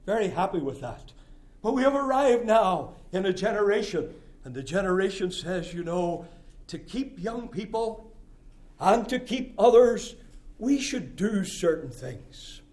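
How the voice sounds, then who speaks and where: A middle-aged man delivers a sermon in a notably high voice for a man. He preaches in emphatic, rhythmic phrases, building to loud declarations and then dropping to soft, confiding asides. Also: very animated, unhurried. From Nova Scotia, Canada.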